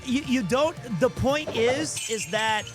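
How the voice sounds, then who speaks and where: A man's voice: extremely high pitch, slow, over loud music. A man in his forties from Missouri, chatting loosely on a live stream, joking about himself and restarting his sentences. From Missouri, USA. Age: 40s. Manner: goofy, self-mocking, stumbles and restarts. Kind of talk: casual live-stream chat.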